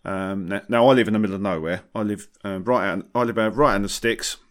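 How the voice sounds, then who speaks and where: A man's voice: fairly low pitch, quick pace. A man chatting casually as a podcast host, wry and jokey, using British slang. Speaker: podcast host and car detailer.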